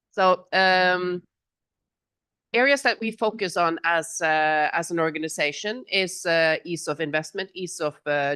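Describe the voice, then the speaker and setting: This is a middle-aged woman with a low voice, talking into a handheld mic at a conference. She sounds relaxed and chatty, with little laughs and restarts, and the sound is dry and close. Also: no echo. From Norway. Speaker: business association representative and panelist. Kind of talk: informal panel talk at a conference. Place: conference hall, on stage. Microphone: handheld microphone.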